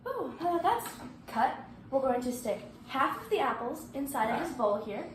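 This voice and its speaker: A woman with a high voice walks through a recipe in a casual tutorial style. She gives instructions in short, halting pieces. The room is echoey, with clear background noise. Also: big pitch swings. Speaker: home baking presenter. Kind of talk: casual step-by-step cooking tutorial. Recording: roomy echo, clearly noisy background.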